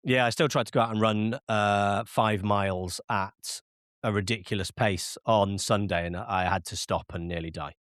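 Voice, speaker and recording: A man hosts a casual film podcast, chatting with frequent fillers and restarts and sounding slightly nasal from a cold. His voice sits on the low side, slightly bright, with fairly even intonation and a moderate pace, on a dry, studio-quality recording.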